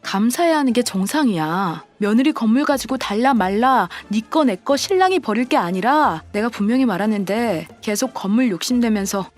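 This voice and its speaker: A woman's voice: fairly high pitch, animated, normal speed, few pauses. A woman reading an audio drama who voices the heroine in a firm, composed and pointed way. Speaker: narrator and heroine voice.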